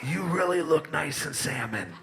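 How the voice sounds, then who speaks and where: A man's voice: a little high, lively intonation, moderate pace, creaky, very noisy. A man doing a crude, brash stand-up set on a comedy club stage, talking into a handheld mic while an audience laughs. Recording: echoey club with loud crowd.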